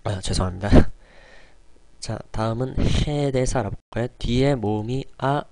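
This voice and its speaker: A man teaching in a recorded online lesson, explaining patiently step by step and slowly sounding out example words. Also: mid-range voice, dry recording. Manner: often starts sentences with a soft "yes". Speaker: Spanish teacher.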